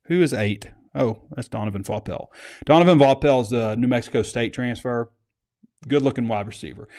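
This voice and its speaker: A man's voice: lowish voice, a little mellow. A man hosting a casual sports podcast, talking in a rambling, conversational way. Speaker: podcast host.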